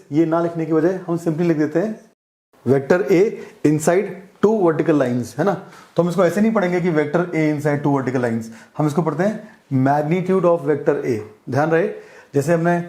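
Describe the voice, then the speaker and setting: A male physics teacher with an Indian accent, lecturing in a fairly high voice. He walks through each point step by step and keeps checking that his listeners are with him. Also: warm tone. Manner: explains step by step, mixing English terms into Hindi, checks in often. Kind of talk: classroom-style lecture.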